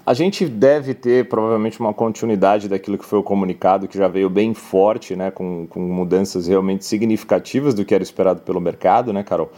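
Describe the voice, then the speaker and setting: A man's voice: deep voice, a little fast, hardly any pauses, mellow. A man explaining financial markets as an analyst on a news program, talking in long sentences with frequent tag questions. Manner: explanatory, many filler "né" tags.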